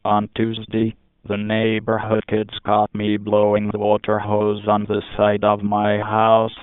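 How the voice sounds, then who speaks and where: A man delivering a crude comic confession in a deadpan, monotone way. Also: lowish voice, measured pace, clear, resonant tone, no room sound. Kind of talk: deadpan comedic confession monologue. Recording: tinny phone-like sound.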